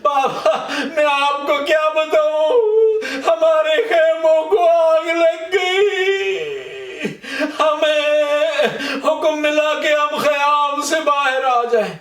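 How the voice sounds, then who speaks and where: A man voicing a grieving, brave woman crying out to her father in drawn-out wails. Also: extremely high pitch, fairly bright tone, voice pushed up. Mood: grieving lament. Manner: wailing, drawn-out cries. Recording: echoey hall, mic far off.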